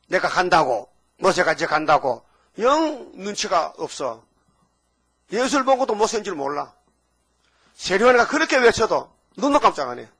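A man preaching a sermon, questioning his congregation and swinging between loud outbursts and low asides. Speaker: pastor.

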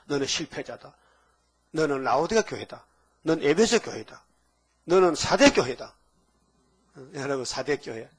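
Older preacher with a husky voice. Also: male voice, fairly high pitch. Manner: animated preaching with rhetorical questions. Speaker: pastor. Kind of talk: sermon.

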